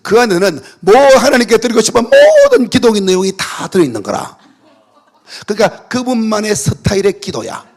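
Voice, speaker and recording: A man preaching at a revival meeting, telling lively stories, shouting decrees and mimicking prayers for laughs. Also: high-pitched, moderate pace. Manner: animated storytelling, shouted decrees and playful mimicry. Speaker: pastor. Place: church hall.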